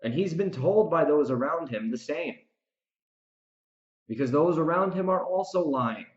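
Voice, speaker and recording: With a slightly high, animated voice and an unhurried pace, a podcast host and author offers solo recap commentary that mixes reflection with ranting. He stresses his points by repeating phrases, and the roomy recording has its highs cut off.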